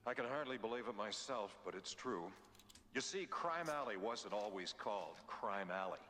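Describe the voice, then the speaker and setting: A man voicing a solemn, resolute masked crime fighter in an animated cartoon drama. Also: lowish voice, moderate pace, a little hiss or hum. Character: brooding, resolute adult male masked vigilante. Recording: hall reverb, music underneath.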